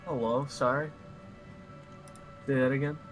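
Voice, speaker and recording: A man of middle pitch chats loosely with his fellow tabletop players, circling back over his own words and trading crude, joking insults. Faint music plays softly behind him. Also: steady tone, a little slow, poor audio. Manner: rambling, full of restarts and fillers; crude, playful swearing. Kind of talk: casual chat among players on a live stream.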